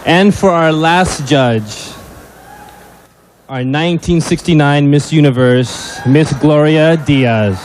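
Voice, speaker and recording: A man's voice: a little high, slow pace, darkish tone. A man announcing onstage as a pageant host. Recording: noisy live venue.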